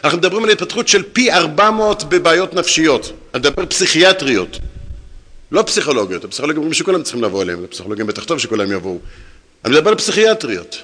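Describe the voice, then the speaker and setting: A rabbi giving a lecture to an audience, telling stories and acting out the dialogue himself. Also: male voice, on the high side. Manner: animated storyteller acting out quoted dialogue. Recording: long hall reverb.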